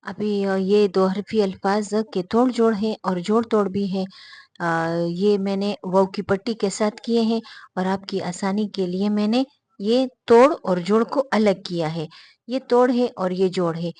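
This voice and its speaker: A woman's voice: mid-range voice, fairly even intonation, darkish tone, dry recording. A woman teacher explaining a lesson step by step, patient and repetitive, slipping English words into her speech. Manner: patient, repeats and points things out step by step. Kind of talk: explaining a lesson to young learners.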